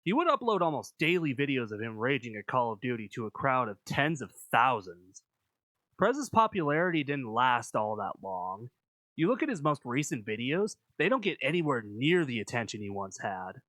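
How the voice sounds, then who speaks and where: A man reading scripted video essay narration in a measured, explanatory manner. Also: medium pitch, big pitch swings, a bit bright, no echo, low-quality recording.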